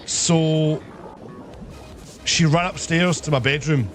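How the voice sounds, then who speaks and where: A man streamer telling a story casually on a live stream, swearing heavily and animated in his retelling. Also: on the high side, slow, faint music behind.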